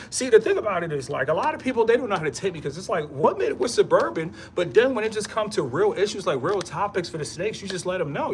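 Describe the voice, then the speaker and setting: A man's voice: high-pitched, a little hiss or hum. A man giving a rambling motivational monologue in streetwise slang, repeating himself often and laughing into his words. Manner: repetitive, emphatic, streetwise slang. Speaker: vlogger.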